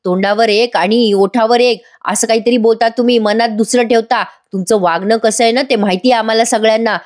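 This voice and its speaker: Brief: woman reading a sharp-tongued young woman snapping back. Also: a little high, steady tone, brisk, natural voice. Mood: angry. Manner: angry, cutting.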